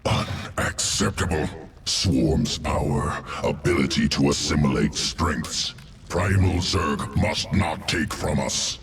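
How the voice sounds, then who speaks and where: Over background music, a man voices a cold, clinical alien insectoid evolution master in a video game. His very deep yet fairly bright voice carries a guttural creature rasp, and he speaks in clipped, telegraphic sentences without articles, detached and deliberate. He sounds disapproving and indignant.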